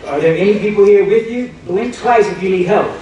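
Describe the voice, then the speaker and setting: A man's voice: high-pitched, a little fast. A man performing as a stage magician, teasing and joking with the audience. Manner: joking, teasing the audience, bursts of loud hype. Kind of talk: live magic show banter. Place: large theater on a cruise ship. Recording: echoey hall recorded from far off, crowd noise. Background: audience chatter and laughter.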